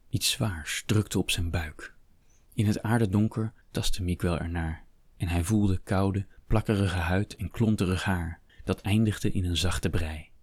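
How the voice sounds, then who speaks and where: Deep-voiced male audiobook narrator. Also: a little mellow, dry recording. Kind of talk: scripted story narration.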